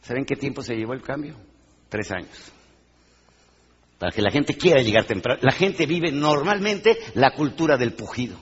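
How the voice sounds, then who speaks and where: Male motivational speaker, husky, animated and quizzing the crowd; live in a dull-sounding echoing hall. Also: mid-range voice, moderate pace. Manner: animated, asks the crowd questions, acts out little scenes. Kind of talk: live motivational talk to an audience.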